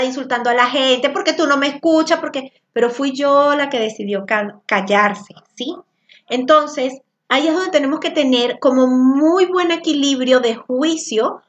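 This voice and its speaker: A woman with a Venezuelan accent teaching an online group session, talking fast, loud and a little rushed. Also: sits high, highs cut off. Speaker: spiritual workshop teacher.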